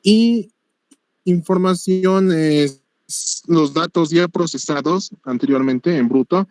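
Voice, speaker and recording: A man student giving a hesitant answer in an online class, his voice a bit higher than most men's. The sound is dry, with no room around it. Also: takes it slowly, darkish tone, dry recording. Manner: hesitant, with fillers.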